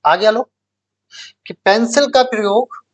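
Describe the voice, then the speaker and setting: A man's voice: high-pitched, takes it slowly. A male English teacher lecturing a classroom, explaining patiently, repeating points and asking the class rhetorical questions.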